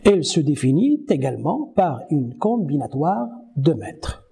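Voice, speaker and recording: Slow, husky-voiced French lecturer. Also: male voice, a little high, sing-song, dark tone. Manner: slow, measured, reads poems aloud and counts syllables. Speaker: university lecturer. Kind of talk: university lecture on French verse. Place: Morocco.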